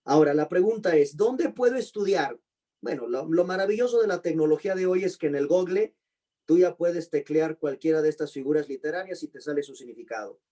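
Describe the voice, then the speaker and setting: A pastor giving an online Bible class, slowly repeating and spelling out terms and putting questions to his students. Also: fairly high pitch, expressive, dark tone. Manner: slow, deliberate spelling-out of terms. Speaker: pastor and teacher.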